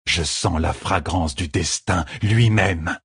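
A man voicing eerie, greedy fox-like creatures in a slow, hushed, drawn-out way. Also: sits low, breathy edge, no room sound, clean studio sound, full character voice.

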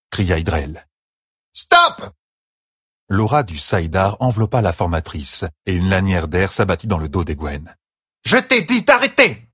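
Audiobook: husky male narrator, lively intonation, dry close sound. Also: low-pitched, no room sound. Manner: measured, expressive reading. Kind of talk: scripted fantasy narration.

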